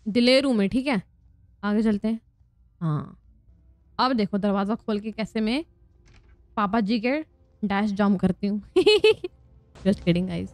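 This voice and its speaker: A woman's voice: mid-range voice, slow pace, pauses often, a little mellow, no room sound. A young woman giving casual, joking gameplay commentary, chatty and prone to squealing laughs when scared. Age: young adult. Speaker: gaming vlogger.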